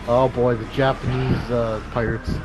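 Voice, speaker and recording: A man's voice: medium pitch, little pitch movement, a little slow, loud music behind the voice, rough recording. A man casually commenting on a video game with a friend, laid-back and joking. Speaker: let's play co-commentator.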